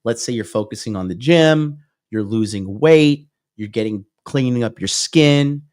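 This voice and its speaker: A dating coach in his thirties runs a livestream whiteboard lecture, punctuating points with "okay?" and "right?" and reading and answering viewer comments. The medium-pitched voice is expressive and darkish, with a measured pace, on a dry, studio-quality recording.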